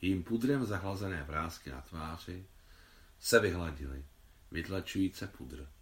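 A man narrating a translated novel aloud in a measured, steady reading. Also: low voice. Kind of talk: audiobook narration.

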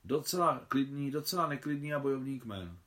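An older, balding doctor gives measured, reluctant answers, voiced by a man reading a novel. His tone is clear and bright. It is a storybook reading. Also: mid-range voice, lively intonation, close to an everyday voice.

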